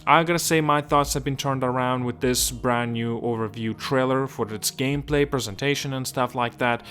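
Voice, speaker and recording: A man's voice: mid-range voice, fairly even intonation, normal speed, fairly bright tone, soft background music. A man from Estonia hosting a casual gaming video, rambling and restarting sentences while often asking whether he makes sense.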